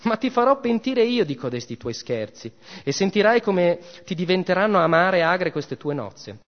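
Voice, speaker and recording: In a dramatic myth reading, a male reader puts on the voice of a haughty, jealous goddess mother who scolds and sneers furiously in a raised, theatrical tone. The pitch sits well up, and the delivery is animated at a moderate pace. The recording sounds dull and muffled, with a long hall reverb.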